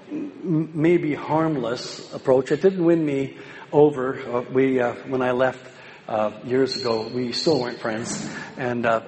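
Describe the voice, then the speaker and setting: A Canadian man telling anecdotes at a home education meeting in a folksy, self-deprecating way, with many pauses and ums. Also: fairly high pitch, a little mellow. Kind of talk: informal public talk with anecdotes. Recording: roomy hall with faint background noise.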